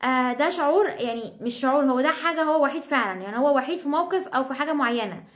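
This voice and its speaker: A woman's voice: high voice, expressive, racing. A young woman with an Egyptian Arabic accent explaining English vocabulary as a teacher, checking in with "tamam?" after nearly every point. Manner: repeats "تمام؟" as a check-in.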